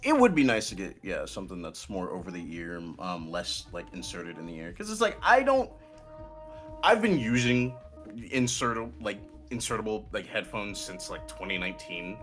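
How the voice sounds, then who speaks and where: Low voiced guy chatting on a podcast, voice bouncing all over, kinda hesitant. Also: sing-song, moderate pace, fairly bright tone, soft background music. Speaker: podcast co-host. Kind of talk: casual chat.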